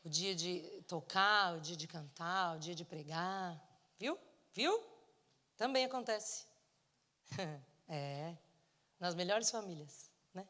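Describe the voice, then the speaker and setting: A middle-aged woman giving an emotional sermon testimony in a church, acting out dialogue and swinging between loud and soft. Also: lowish voice, takes it slowly, long pauses, long reverb tail. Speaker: preacher. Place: church sanctuary.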